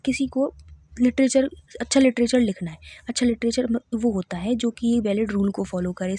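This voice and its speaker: A woman's voice: on the high side, dark tone, slightly rough, dry recording. Woman teaching a literature lesson. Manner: checks in with listeners often, repeats key terms.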